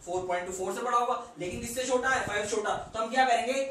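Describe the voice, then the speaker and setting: Guy teaching math at a board, talks through each step, kinda high voice, sounds far off in a boomy room. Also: fast talker, bright, forceful tone, heavy reverb, slight background noise. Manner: explains step by step, counts along while drawing, asks rhetorical questions. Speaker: maths teacher. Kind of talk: whiteboard math lesson.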